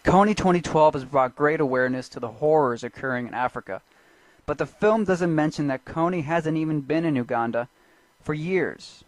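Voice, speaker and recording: A man reading a brisk, leading scripted narration. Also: a little high, no room sound.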